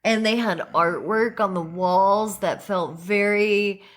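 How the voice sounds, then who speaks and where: A woman co-hosting a podcast in casual chat, hoarse this morning and gushing as she talks. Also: mid-range voice, takes it slowly. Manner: lively and gushing. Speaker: podcast co-host.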